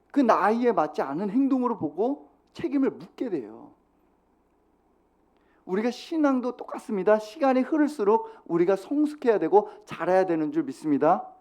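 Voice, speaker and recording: A Korean man preaching a sermon as pastor of a small church, exhorting the congregation and dropping from loud to hushed. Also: high voice. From South Korea.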